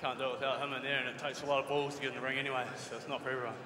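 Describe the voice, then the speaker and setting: Kiwi boxer guy rattling off modest answers super fast, echoey hall. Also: mid-range voice, little pitch movement. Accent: New Zealand. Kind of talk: casual post-fight interview answers. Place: large indoor arena. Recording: echoey hall with crowd behind.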